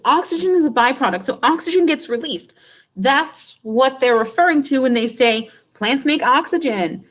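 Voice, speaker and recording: A woman teacher leads a review lesson for an upcoming biology exam. Her voice sits at a middle pitch. She explains each step in turn, asks rhetorical questions and answers them, and patiently repeats the key points.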